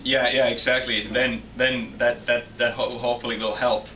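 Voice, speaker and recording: A man's voice: medium pitch, little pitch movement, moderate pace, sharp tone, dull audio. A young man from Finland with a Finnish accent, a PhD student answering interview questions hesitantly with many restarts. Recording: far from the mic with faint noise.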